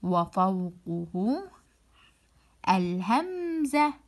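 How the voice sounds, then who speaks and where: A woman teacher giving a children's phonics lesson, drawing out letter sounds and repeating them for drilling, with warm praise. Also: medium pitch, big pitch swings, drawn-out words. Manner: praising, encouraging.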